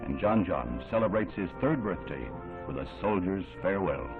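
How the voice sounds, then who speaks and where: A man giving solemn, measured, formal narration in an old 1960s newsreel. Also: low-pitched, lively intonation. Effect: old 1960s newsreel sound. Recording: thin narrow-band old film audio with music underneath.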